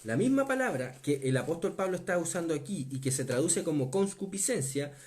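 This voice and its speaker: A man gives a Bible teaching sermon in a slightly high voice. He leans on key words and slows down to stress them. He keeps asking his listeners whether they follow. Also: lively intonation, a little mellow. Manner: asks the listeners to confirm often; emphatic on key words, slowing down. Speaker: preacher.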